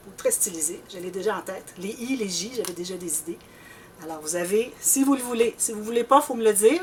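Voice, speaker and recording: A woman with a Québécois French accent hosting a scrapbooking channel, chatting casually to viewers in a rambling way and often clearing her throat. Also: mid-range voice, far from the mic, a little hiss or hum. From Canada.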